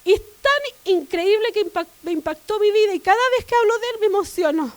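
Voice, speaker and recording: A woman preacher delivering a sermon in church, repeating phrases and rising to loud emphatic declarations. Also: very high voice, animated, brisk, poor audio.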